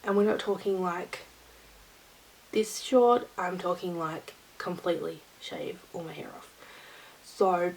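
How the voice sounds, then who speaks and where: A woman's voice: lowish voice, slow pace, gravelly, a little hiss or hum, poor audio. A woman hosting her own knitting vlog, talking to camera in a rambling, easygoing chat. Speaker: knitting vlogger.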